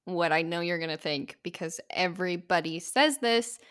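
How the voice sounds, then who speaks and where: A woman's voice: fairly low pitch, normal speed, fairly bright tone, clear, resonant tone. A woman in her twenties hosting a podcast, chatting casually and laughing often. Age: 20s. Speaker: podcast host. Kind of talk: casual chat.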